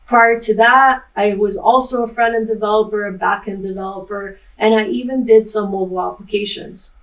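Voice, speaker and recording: A woman's voice: mid-range voice, recorded from a distance. A young adult woman from Costa Rica giving a recorded tech conference talk in an upbeat, explanatory way. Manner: explanatory, upbeat, steady presenting. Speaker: conference speaker, chaos engineer. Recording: roomy, mic set back from the speaker.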